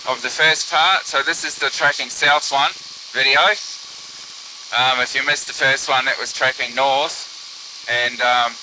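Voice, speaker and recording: A man's voice: medium pitch, low-quality recording. A man piloting a microlight gives casual, musing running commentary through a pilot's headset, as if over the radio. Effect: pilot's headset or radio sound. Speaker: microlight pilot filming own flight. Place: open microlight aircraft in flight. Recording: steady aircraft engine and wind hiss.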